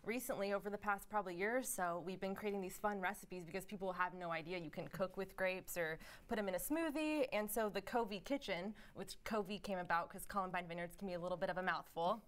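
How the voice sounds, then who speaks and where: A woman's voice: mid-range voice, fast, hardly any pauses. An upbeat woman speaks as a guest on a TV cooking segment. She explains her family's farm business and walks through simple recipes in an easy, friendly way. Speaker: grape company representative. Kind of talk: TV guest interview.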